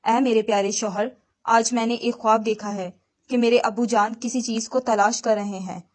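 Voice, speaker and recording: A woman's voice: fairly high pitch, fairly even intonation, close to an everyday voice. A woman voicing a grieving young wife and mother in a spoken religious story, in a tearful, pleading tone. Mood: sorrowful.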